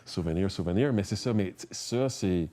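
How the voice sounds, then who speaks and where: Low-voiced Québécois man, rambling. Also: lively intonation, normal speed, mellow. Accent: Québécois French. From Quebec. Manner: rambling, restarts, frequent "tu sais", swears casually. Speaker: guest. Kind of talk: casual conversation.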